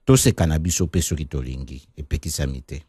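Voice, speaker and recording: Man, radio presenter, low dark voice, dry close sound. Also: fast talker, breathy edge, no room sound. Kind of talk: radio programme introduction.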